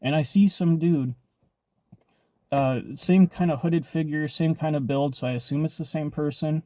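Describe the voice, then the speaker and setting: A man's voice: fairly high pitch, steady tone, normal speed, a little mellow. Rambling, profane storytelling man. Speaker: vlogger telling a personal story. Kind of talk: casual storytime monologue.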